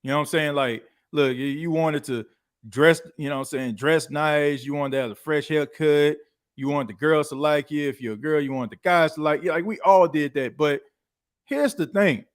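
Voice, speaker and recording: Rambling man in his thirties, fairly high. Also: moderate pace. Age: 30s. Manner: rambling, leans on the filler "you know what I'm saying" and restarts. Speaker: podcast host. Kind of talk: casual chat.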